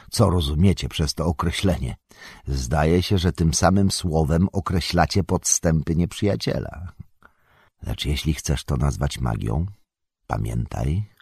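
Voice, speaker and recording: A man voicing an ancient elven queen who is calm, wise and gentle, giving measured, solemn counsel. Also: extremely low pitch, vocal fry, breathy edge, no echo, studio quality, full character voice. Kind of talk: audiobook character voice.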